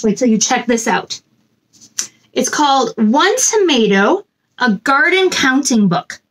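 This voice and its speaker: Reading a picture book to children in a small decorated room, a woman in her thirties hosts story time with a bubbly, sing-song delivery. Her voice sits high.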